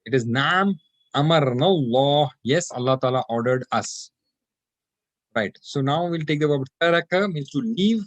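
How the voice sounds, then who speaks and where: A man teaching an online Arabic class, patiently repeating phrases slowly for his students. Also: a little high, animated, dry recording.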